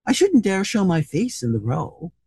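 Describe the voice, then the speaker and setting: A reader acts out an unlucky young gentleman from a storybook, sulky and embarrassed. The voice is husky and swings up and down in flustered exclamations. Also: mid-range voice, sing-song, moderate pace, dry recording, voice pushed up, exaggerated voice.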